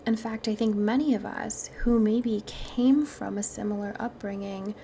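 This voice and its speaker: A woman's voice: mid-range voice, steady tone, a little slow, vocal fry, dark tone, a little hiss or hum. A woman with a Wisconsin accent hosting a self-help podcast, talking in a chatty, earnest and playful way straight to her audience. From Wisconsin, United States. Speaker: podcast host.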